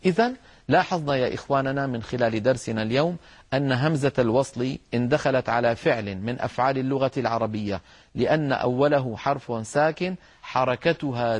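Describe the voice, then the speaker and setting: A man teaching a lesson on Quran reading and Arabic grammar, explaining patiently and asking his listeners rhetorical questions. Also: mid-range voice.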